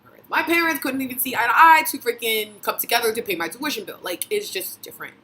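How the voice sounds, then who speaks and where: A woman's voice: fairly high pitch, quick pace, pushed and bright, poor audio. A young woman from Brooklyn, giving a passionate, blunt vlog monologue with swearing and frequent laughs. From Brooklyn, New York. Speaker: vlogger and dating blogger. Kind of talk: casual opinion monologue.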